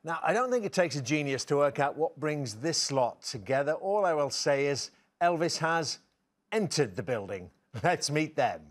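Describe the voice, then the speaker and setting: A man's voice: fairly high pitch, sing-song, moderate pace. Man hosting a quiz show. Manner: jokey, laughs between lines. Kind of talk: scripted presenting and friendly banter.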